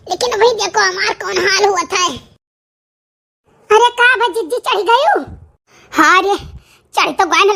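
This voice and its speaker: A performer voices a fretful, panicky cartoon village woman with a squeaky, high, creaky voice, pushed bright and exaggerated, with an Awadhi accent. In this comedy skit the squabbling village women flee a tiger, wailing and pleading in comic exclamations.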